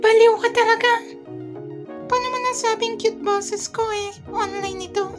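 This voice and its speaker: A woman voicing a sharp-tongued young woman chatting online, teasing and scolding a boy, with a Filipino accent. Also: very high-pitched, fairly even intonation, unhurried, over music.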